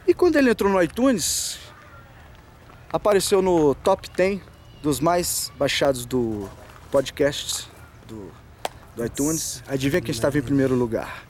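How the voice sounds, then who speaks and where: Chatty male storyteller, slightly raised pitch, builds up excitement. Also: measured pace, slight background noise. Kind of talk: casual storytelling among friends.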